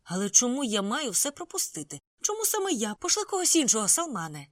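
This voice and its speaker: A reader voicing a quarrelsome, hot-tempered young man who shouts high-pitched, indignant outbursts in an audiobook. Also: huge pitch swings, quick pace, dry recording, clean studio sound.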